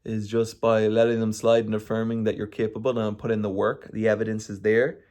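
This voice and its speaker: A man's voice: on the low side, flat delivery, a little fast, darkish tone. A young man hosting his own podcast, chatting casually in a rambling, slangy way with some swearing. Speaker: podcast host. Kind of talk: casual solo podcast chat.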